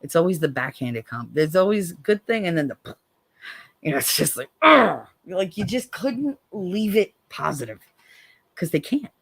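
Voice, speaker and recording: A livestream host from the United States reads viewer comments in a very animated, gravelly, husky voice at a moderate pace, with no room sound. She is blunt and profane, moving between low, weary tones and sharp sarcastic jabs.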